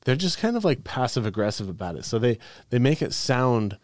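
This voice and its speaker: A man's voice: mid-range voice, sing-song, fairly quick, darkish tone, dry recording, clean studio sound. A man co-hosting a casual podcast chat, blunt and irreverent, often restarting his sentences.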